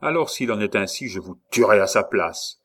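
A man's voice: fairly low pitch, lively intonation, normal speed, fairly bright tone. A man voicing a jealous, hot-tempered count who speaks in blunt, seething threats. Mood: threatening.

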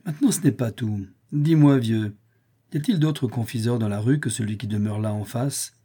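A man's voice: medium pitch, normal speed, breathy edge, close to an everyday voice. A man voicing a menacing, mocking male centurion in a storybook reading, barking orders. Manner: commanding, loud.

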